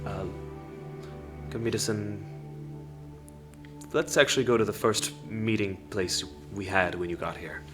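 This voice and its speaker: A man's voice: fairly low pitch, a little slow, long pauses. Male game master over background music. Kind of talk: casual improvised tabletop game narration.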